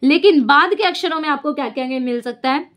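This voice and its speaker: A woman's voice: high voice, brisk, fairly bright tone. A young woman teaching a lesson as she writes out examples, asking the class a question and then answering it herself. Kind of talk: casual whiteboard lesson.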